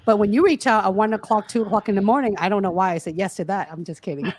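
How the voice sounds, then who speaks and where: A woman career coach speaking casually and frankly on a video call, animated and calling out her listeners. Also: medium pitch, fast, husky. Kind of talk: casual webinar talk.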